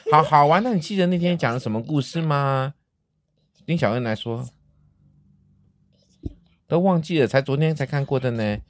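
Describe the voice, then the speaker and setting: A woman's voice: deep voice, expressive, moderate pace, long pauses, no echo, clean studio sound. A woman hosting a casual talk show with children, playfully teasing and quizzing them. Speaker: podcast host.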